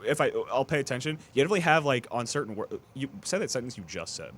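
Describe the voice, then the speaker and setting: A young man co-hosting a casual podcast, who talks in a halting way with lots of restarts. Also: medium pitch, big pitch swings, fairly bright tone, slight background noise. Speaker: podcast co-host. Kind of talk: casual chat.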